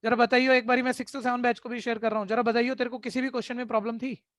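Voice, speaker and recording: A man's voice: very high-pitched, flat delivery, racing, fairly bright tone, no room sound, clean studio sound. A man teaching math in an online class, sternly lecturing and scolding his students and often checking that they follow. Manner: keeps asking "ठीक है?" to check in. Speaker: math tutor.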